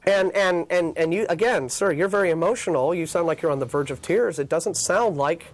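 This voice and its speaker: American guy hosting a call-in debate, voice a bit high, keeps reasoning and pushing questions. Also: brisk. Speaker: host of an atheist call-in show.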